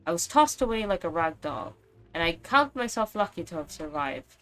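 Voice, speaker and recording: Woman voicing a calm older engineer man. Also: on the low side, soft background music, poor audio. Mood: recounting. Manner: measured explanatory delivery with small slips. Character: older male weapon engineer, calm and kindly. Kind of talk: reading game dialogue aloud.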